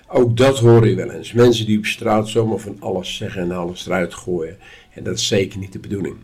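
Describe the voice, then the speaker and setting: A man giving a calm, instructive spoken lesson at a measured pace. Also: fairly low pitch, breathy edge. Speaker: course teacher.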